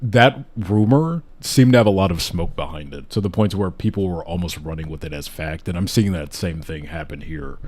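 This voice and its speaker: A man's voice: deep voice, normal speed, hardly any pauses, a little mellow. A man hosting a casual live podcast chat, talking enthusiastically and rambling with restarts, hiccuping now and then. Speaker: host.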